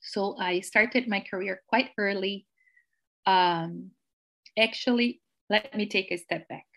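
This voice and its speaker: A woman in her forties with a Brazilian Portuguese accent, telling her life story as a podcast guest in an earnest, measured way. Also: mid-range voice, a bit bright. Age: 40s. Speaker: executive coach, podcast guest.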